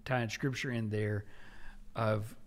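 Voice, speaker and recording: A man's voice: lowish voice, takes it slowly. A man in his forties, a pastor hosting a church talk show, speaking earnestly at a desk mic in a small indoor studio. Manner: earnest, animated gestures, frequent affirming yeahs. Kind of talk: conversational church podcast. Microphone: desk mic on a stand.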